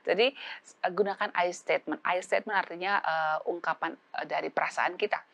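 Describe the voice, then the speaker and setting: A woman psychologist, giving advice in a relaxed talk show chat, full of fillers and acted-out family dialogues. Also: lowish voice, a little fast, gravelly. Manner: acts out parent-child dialogues with shifting voices; frequent fillers, relaxed conversational. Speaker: psychologist guest.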